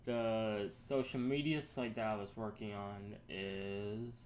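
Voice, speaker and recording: A young man casually thinking aloud and answering chat on a live coding stream, halting and rambling as he works. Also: lowish voice, fairly even intonation, darkish tone, slight background noise. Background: keyboard typing.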